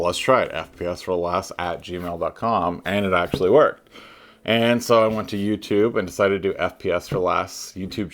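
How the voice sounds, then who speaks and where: A man with a low, deep voice talks straight to his camera in an unscripted home vlog. He rambles along, filling gaps with ums and circling back to restart his sentences. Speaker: vlogger.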